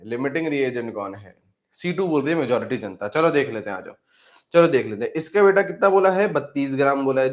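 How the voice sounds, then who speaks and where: A man teaching chemistry in an online class, repeating phrases over and over and scolding the students playfully. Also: on the high side. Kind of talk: live online class lecture.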